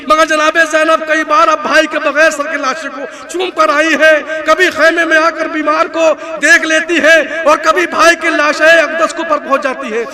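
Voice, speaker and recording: Very high-voiced male religious reciter. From India. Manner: emotive, declamatory storytelling addressing believers. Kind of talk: mourning-gathering narration. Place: religious gathering. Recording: live crowd noise behind.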